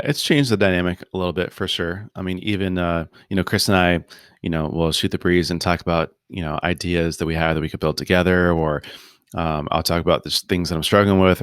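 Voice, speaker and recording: Low-voiced man, loose and rambling. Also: a little fast, clean tone, dry recording, studio quality. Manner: relaxed, rambling, many fillers and restarts. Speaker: podcast guest, founder. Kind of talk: casual interview conversation. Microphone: video call.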